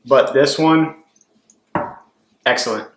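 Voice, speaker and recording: A man's voice: mid-range voice, takes it slowly, reverberant, rough recording. A man co-hosting a home food vlog, describing each bite with enthusiasm. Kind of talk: casual food-tasting chat.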